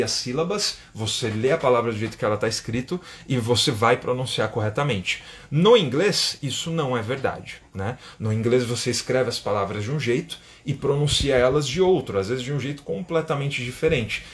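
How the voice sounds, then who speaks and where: Speaking at a medium pitch, this man is again the Brazilian English teacher on Instagram live, his Brazilian Portuguese accent clear. He stays chatty, tags line after line with "né?", and reads out comments from viewers, all picked up by a phone or webcam.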